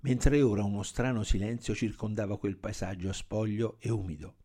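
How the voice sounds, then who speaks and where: A man reading a first-person crime story aloud in a steady, measured manner. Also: fairly low pitch. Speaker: narrator. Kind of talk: scripted narration of a crime story.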